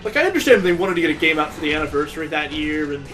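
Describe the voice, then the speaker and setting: Rapid-fire and very animated, a man with a voice on the high side and a fairly bright tone hosts a let's play. As he plays, he riffs with casual sarcasm and wry humor while game music runs underneath.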